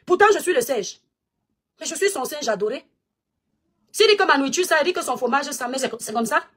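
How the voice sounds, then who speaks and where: A woman's voice: high-pitched, fairly bright tone. A woman delivering a combative, mocking rant aimed at a rival, taunting her and insisting over and over. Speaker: online personality answering a rival.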